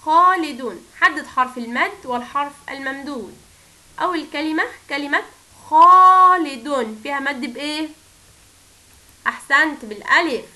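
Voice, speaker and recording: A woman with an Egyptian Arabic accent teaching a recorded first-grade lesson, stretching syllables slowly for children to repeat and praising them often. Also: high voice, sharp tone, low-quality recording.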